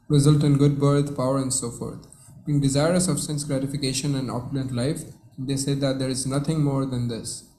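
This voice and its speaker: A man in the audience speaks in an even, level tone. He reads a verse aloud and then asks a question with lots of fillers. The sound is roomy, with faint room noise behind him. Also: medium pitch. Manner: uses many fillers like "like". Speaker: audience member.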